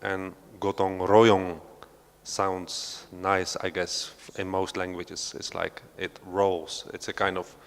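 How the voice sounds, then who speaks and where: A Belgian researcher speaks slowly on a panel in an art centre's large hall, his low, fairly flat voice clear and resonant under a long hall reverb. Unscripted and hesitant, he leans on "uh" and "um," restarts sentences and uses non-native phrasing.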